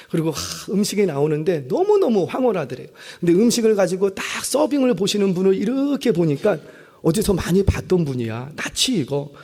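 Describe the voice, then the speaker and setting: Male pastor, animated sermon storyteller, high and very lively pitch, long church reverb. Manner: animated storytelling, acts out voices. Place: church sanctuary.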